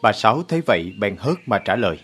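A man reading a story aloud with steady, measured narration. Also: on the low side, husky, faint music behind.

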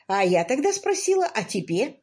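A woman's voice: on the high side, very animated, normal speed, darkish tone, husky, voice pushed up, heavily acted. A woman reading an audiobook, voicing a spirited young woman who teases and presses her partner insistently. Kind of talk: audiobook character voice.

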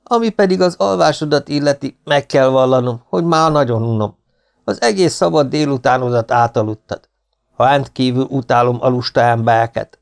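Guy doing a cocky legionnaire marquis, teasing and amused, voice pushed way up high, storybook reading. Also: gravelly, lightly acted. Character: cocky, mocking young male legionnaire marquis.

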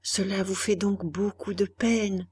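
Woman reading a gentle young man, lower voiced. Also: animated, a little slow, breathy edge.

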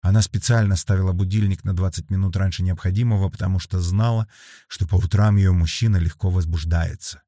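A man reading a novel aloud, in slow, measured, pausing narration. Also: low-pitched, fairly even intonation, dark tone, dry recording, studio quality. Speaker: audiobook narrator. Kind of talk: scripted audiobook narration.

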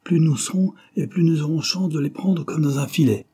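Man doing an old male rebel, grim, stern, declaiming, raised pitch. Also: normal speed, warm tone, husky. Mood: grim urgent. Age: older.

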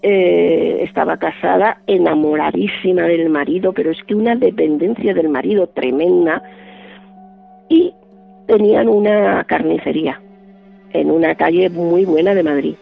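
A man's voice: sits high, normal speed, vocal fry, faint music behind. A male radio guest, telling a story vividly and acting out the lines of the people in it. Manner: vivid, acts out quoted dialogue. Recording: band-limited dry phone-like line.

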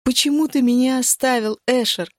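A woman's voice: a little high, normal speed, a little mellow, no room sound, clean studio sound, voice pushed up, natural voice. A woman reading an audiobook voices a heartbroken young woman who speaks in raised, tearful, pleading outbursts. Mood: anguished.

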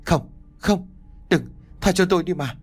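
Man doing a high, terrified village girl. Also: moderate pace, faint music behind, natural voice. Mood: terrified pleading. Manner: high, pleading.

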